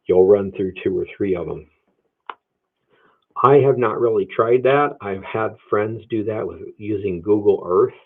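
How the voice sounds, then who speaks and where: A man's voice: fairly low pitch, vocal fry, breathy edge. A man teaching Bible prophecy who answers viewer questions on a livestream, thinking aloud with hedges and many restarts. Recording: phone-like narrow sound.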